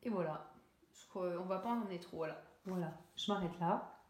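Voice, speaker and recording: A woman's voice: fairly low pitch, a little fast, darkish tone. Young woman hobby vlogger, chatty and rambling, recorded in a roomy, echoey space. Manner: rambling, many fillers and self-corrections, laughs at herself. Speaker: coloring YouTuber. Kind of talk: casual chat while coloring.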